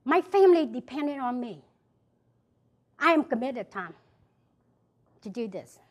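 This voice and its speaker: This motivational speaker, a woman from South Vietnam with a Vietnamese accent, has a voice that sits high and sounds animated, moving at a measured pace. Speaking emphatically to a live audience in an event hall, she repeats key phrases.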